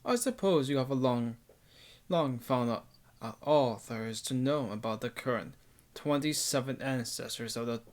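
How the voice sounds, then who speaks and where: A man voicing an ancient male vampire with a heavy voice, speaking in a formal, measured, menacing way while reading a visual novel aloud. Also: medium pitch, lightly acted.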